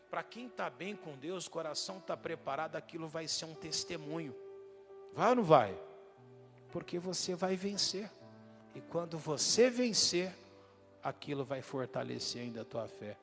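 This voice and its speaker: A male pastor preaching a lively sermon in a church, often asking the congregation questions and raising his voice for emphasis. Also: on the high side, in a large hall. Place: church hall.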